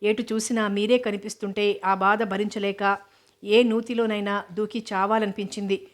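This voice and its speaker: A woman voicing a hurt, indignant young woman who speaks reproachfully and a little louder than her narration. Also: medium pitch, level tone, normal speed, lightly acted.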